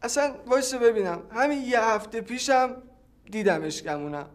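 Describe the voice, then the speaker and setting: High-voiced evasive man, hesitant, stammering answers. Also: lively intonation. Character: evasive man questioned about opium.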